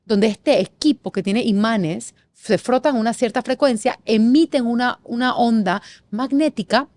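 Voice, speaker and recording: A middle-aged woman from Panama, a guest in an interview, telling a personal story with expressive, animated delivery and quick lists. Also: a little high. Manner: expressive, animated, lists things in rapid series.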